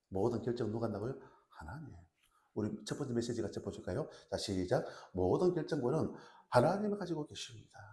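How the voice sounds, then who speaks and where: A male pastor preaching a sermon in a church, lively and questioning, playing out angry voices to make his points. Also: medium pitch. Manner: animated preaching, asks the congregation questions, acts out angry kings and parents. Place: church sanctuary. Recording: roomy church echo.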